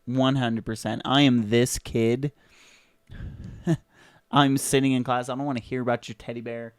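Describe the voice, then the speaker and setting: A man's voice: medium pitch, level tone, normal speed, smooth, no room sound, studio quality. A young man hosting a video, casually and sarcastically commenting on an old commercial, chatty and joking. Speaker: video host.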